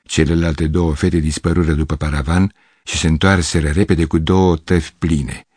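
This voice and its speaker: A man narrating a literary story as an audiobook, measured and expressive. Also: extremely low pitch, husky, no room sound, studio quality. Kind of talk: audiobook reading.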